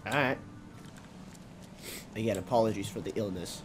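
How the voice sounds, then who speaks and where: A man giving casual, sweary gameplay commentary, thinking out loud as he plays. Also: fairly low pitch, normal speed, noisy background. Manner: musing aloud, sweary. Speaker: game streamer.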